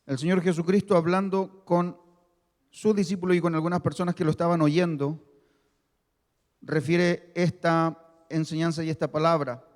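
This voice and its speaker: A male pastor preaching a sermon, teaching slowly and having the congregation repeat key words. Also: a little high, steady tone. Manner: explains word meanings slowly, stresses key words. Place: church hall. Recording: long reverb of a church hall.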